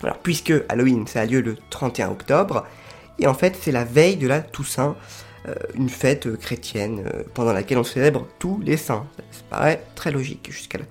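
A man explaining history in a casual, chatty way, full of fillers and quick self-corrections. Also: medium pitch, slightly rough, soft background music.

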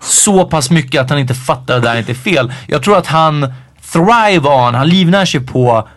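A man's voice: on the high side, lively intonation, no echo, studio quality. A man co-hosting a podcast, telling a story with animation in casual chat and mixing in English slang. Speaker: podcast co-host.

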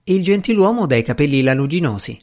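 A man's voice: on the high side, sing-song, brisk, a little mellow. A man voicing a good-natured young woman in an audiobook, earnest and a little teasing. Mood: playful.

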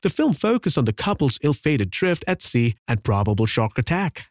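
A man's voice: medium pitch, big pitch swings, normal speed, no echo, clean studio sound. A man delivering scripted true-crime documentary narration as the host of a podcast.

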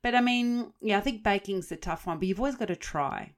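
A woman co-hosting a podcast, telling stories in lively casual chat with easy laughs and chatty asides. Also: medium pitch, brisk. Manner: animated storyteller, laughs easily, chatty asides. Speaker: podcast co-host.

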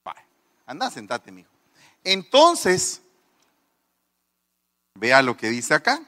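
A man preaching a sermon, emphatic and repetitive, swinging from quiet to loud. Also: on the high side, wildly swooping pitch, takes it slowly. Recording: long reverb of a large hall.

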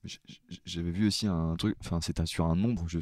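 A man with a low voice co-hosting a casual podcast, firing off quick jokes and interjections at a rapid pace. The sound is close and dry. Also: fairly even intonation, darkish tone, no echo. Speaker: podcast co-host. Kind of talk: casual chat.

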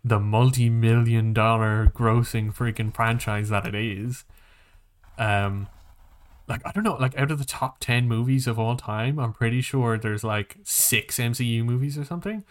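On a podcast he co-hosts, a man chats casually about movies and games, rambling, emphatic and full of swearing. His voice is medium-pitched and steady, at a moderate pace.

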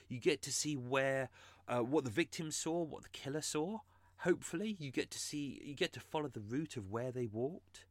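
A man's voice: mid-range voice, dry recording. A man hosting a true crime podcast, explaining his research in an earnest, casual monologue.

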